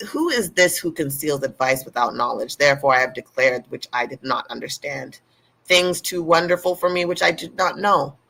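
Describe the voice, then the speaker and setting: Brief: male host, fairly high and bright voice, reads scripture and mocks it in casual, profane asides. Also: vocal fry, poor audio. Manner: irreverent, sarcastic, cursing. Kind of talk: reading and commenting on scripture.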